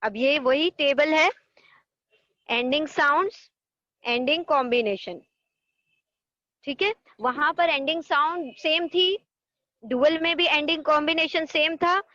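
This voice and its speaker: A woman's voice: sits high, a little slow, long pauses, sharp tone, no room sound, lo-fi sound. A woman teaching an Arabic grammar lesson online, patiently drilling word endings and explaining them step by step.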